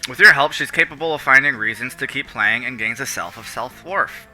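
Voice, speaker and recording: A man's voice: medium pitch, fairly quick, bright, forceful tone, faint music behind. A young man streaming a text game, reading the story aloud in a playful, joking way and slipping into silly voices.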